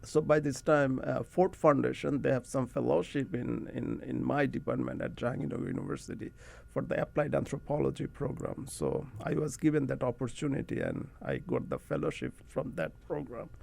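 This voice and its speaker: Gravelly middle-aged Bangladeshi man. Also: mid-range voice, a little fast. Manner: relaxed, rambling storyteller who laughs often. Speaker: guest academic. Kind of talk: casual interview talk. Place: radio studio.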